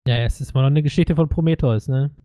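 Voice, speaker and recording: A man's voice: mid-range voice, fast, warm tone, no echo, studio quality. A man in a casual podcast chat about games, asking curious follow-up questions. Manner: inquisitive, asks follow-up questions.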